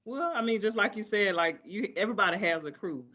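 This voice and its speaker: A woman chatting as a podcast guest, relaxed and open about her friends. Her tone is bright, but the recording sounds somewhat dull and lo-fi. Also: mid-range voice, fairly quick. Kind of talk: casual chat.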